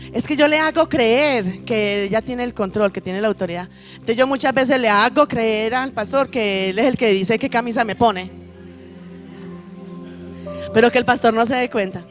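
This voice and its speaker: A woman pastor preaches with a high, ringing voice, urging the congregation to answer and repeat her words. She drops into a lower, conversational tone when telling stories from home. Soft music plays faintly beneath her. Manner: fervent preaching, calling on the congregation to respond. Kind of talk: sermon.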